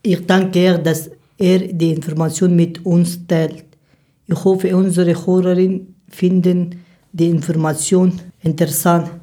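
A woman hosting a scripted interview podcast, asking careful, measured questions. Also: on the low side, little pitch movement, mellow. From Afghanistan. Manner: careful, measured learner's German. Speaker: podcast host.

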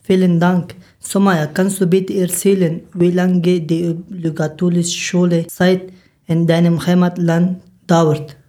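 A woman hosting a scripted interview podcast, asking careful, measured questions. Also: on the low side, little pitch movement, mellow. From Afghanistan. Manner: careful, measured learner's German. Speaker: podcast host.

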